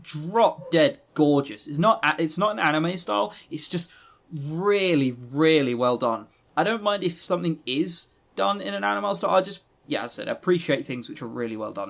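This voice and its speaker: Reviewing visual novels on his podcast, a man speaks in a fairly high, fairly bright voice with vocal fry. He rambles casually with wry self-deprecation, swearing freely and stressing key words.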